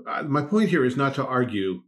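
A man co-hosting a conversational podcast, speaking at a mid pitch. He slips into dry sarcasm, laughs in the middle of his sentences and often restarts his thoughts. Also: sing-song, fairly quick, a bit bright. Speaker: podcast co-host. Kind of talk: casual podcast discussion.

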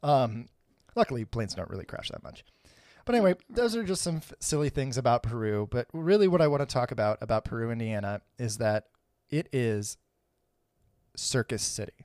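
Male podcast co-host, mid-pitched, casual and jokey, dry studio sound. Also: big pitch swings, moderate pace, a little mellow, no room sound. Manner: laid-back, laughs often, swears casually.

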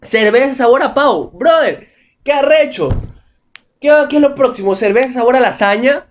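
A man reads out viewer anecdotes and riffs on them with crude, excitable slang. His voice sits high. The recording is dull and lo-fi, like a home vlog. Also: moderate pace, a little hiss or hum. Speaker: host reading viewer anecdotes. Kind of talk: comedic commentary vlog.

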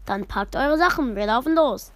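A woman reading the lines of a young male hero who leads a clan of heroes, in a plain, steady and commanding way. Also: sits high, moderate pace, no room sound.

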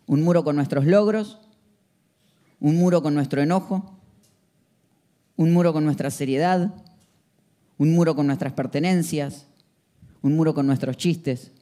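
High-voiced preacher. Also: male voice, measured pace, long pauses, warm tone. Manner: emphatic, rhetorical questions, acts out scenes. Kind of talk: sermon.

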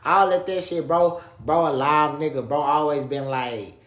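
A man's voice: a little high, normal speed, fairly bright tone. A man chatting casually on a podcast in heavy street slang, repeating himself for emphasis and peppering his talk with bro. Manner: repetitive, emphatic phrasing. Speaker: podcast co-host. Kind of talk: casual opinionated podcast chat. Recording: echoey room.

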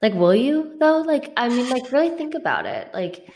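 A woman's voice: high voice, huge pitch swings, normal speed, a little mellow. A woman co-hosting a casual book podcast in a chatty, filler-heavy way, recording in an emptied apartment. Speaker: podcast co-host. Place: bare-walled apartment before moving out. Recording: echoey bare room.

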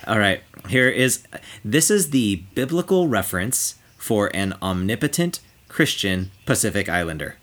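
Casual podcast host, male, slightly low voice, playful quiz-master tone. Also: very animated, normal speed, a bit bright. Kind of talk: casual chat.

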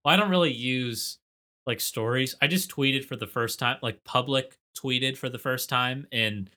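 A young man with vocal fry, co-hosting a podcast in a casual, loose, slangy way. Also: medium pitch, moderate pace, bright, forceful tone. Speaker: podcast co-host.

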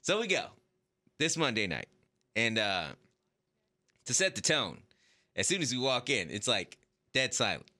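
Lively, bright-voiced male podcast host. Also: medium pitch, a little slow, pauses often. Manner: animated, laughs often, acts out whispers. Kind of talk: casual storytelling chat.

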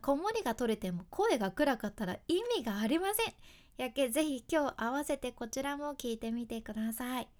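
A woman's voice: sits high, expressive, fairly quick, darkish tone. A woman with a Hakata accent, hosting a radio voice lesson and explaining step by step in a chatty, friendly way. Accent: Hakata dialect. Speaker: radio host and voice coach.

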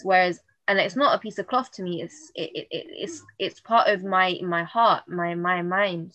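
A woman's voice: mid-range voice, fairly bright tone, no echo, poor audio. A woman co-hosting a podcast, talking earnestly in long reflective monologues in casual chat. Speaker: podcast co-host.

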